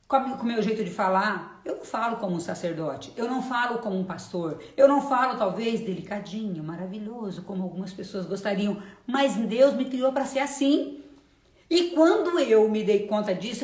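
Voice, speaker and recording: A woman's voice: medium pitch, animated, a little fast, darkish tone, roomy sound. A woman with a Brazilian accent giving an informal, effusive faith testimony on a live stream, often repeating short phrases. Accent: Brazilian Portuguese. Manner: informal and effusive, calls the audience "gente". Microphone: live-stream setup, camera or phone.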